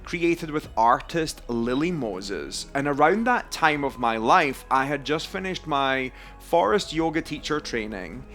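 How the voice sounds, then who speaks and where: A man's voice: on the high side, lively intonation, a little slow, few pauses, fairly bright tone. Upbeat Scottish man hosting a vlog. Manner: enthusiastic, upbeat. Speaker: YouTube host presenting oracle decks. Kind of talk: casual vlog card-deck walkthrough. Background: faint background music.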